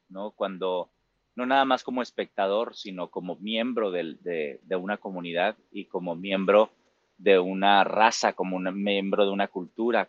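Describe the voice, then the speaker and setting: A man's voice: fairly low pitch, no room sound. Man, Mexican Spanish accent, forties, interview guest, reflective, many fillers, dry slightly lo-fi sound. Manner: reflective, frequent fillers and tag questions. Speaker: musical theater performer, guest. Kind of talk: casual interview talk.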